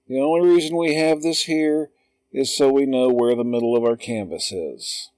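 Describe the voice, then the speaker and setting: Slow, calm man teaching drawing. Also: mid-range voice, dry recording. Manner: calm, step-by-step, unhurried. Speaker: drawing tutor. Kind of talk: slow screen-recorded tutorial.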